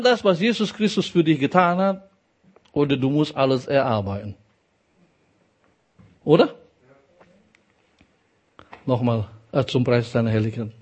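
Slow, emphatic preacher, fairly high voice. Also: male voice. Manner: emphatic, repeats key phrases, asks the congregation "ja?". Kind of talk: sermon.

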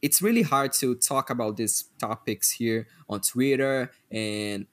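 A man's voice: medium pitch, measured pace, a bit bright. A man co-hosting a podcast, chatting casually and thoughtfully. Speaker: podcast co-host. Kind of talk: casual chat.

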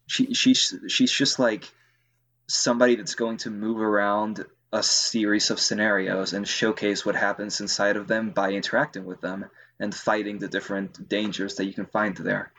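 A man's voice: on the low side, fairly even intonation, moderate pace, fairly bright tone. A man chatting casually on a podcast, hesitant, with many fillers and restarts. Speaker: co-host.

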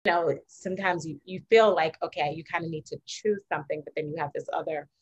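A woman's voice: low-pitched, quick pace, slight background noise. A woman interviewing a guest in casual conversation, asking enthusiastic, rambling questions. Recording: dull lo-fi sound.

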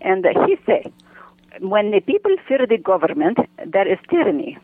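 On a comic phone-in chat, a regular segment guest, a man, plays a feisty, doting older woman who calls everyone darling and speaks broken English. His heavily acted voice is high and breathy with wildly swooping pitch at a moderate pace. The tinny phone line carries no echo.

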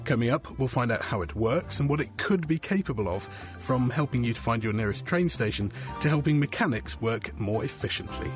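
A British man presenting a scripted science show as host, with a bright, curious manner. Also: medium pitch, expressive, brisk, over music.

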